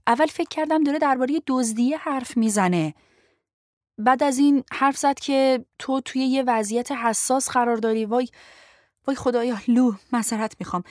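A woman's voice: sits high, a little mellow, dry recording, clean studio sound, pitched above the performer's own voice, natural voice. A woman voicing a flustered, apologetic young male journalist, stammering and defensive in an audiobook reading.

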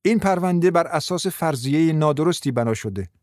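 A man's voice: a little high, expressive, darkish tone, no room sound, studio quality, pitched above the performer's own voice, lightly acted. A man voicing a young woman with a thick French accent who speaks earnestly for her grandmother.

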